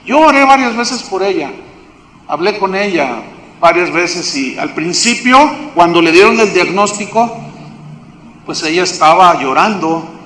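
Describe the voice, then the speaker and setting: A man with a Mexican Spanish accent, preaching a sermon as pastor, firing rhetorical questions and swinging from loud to hushed. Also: sits high, expressive, unhurried, a little hiss or hum. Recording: echoey hall with long reverb.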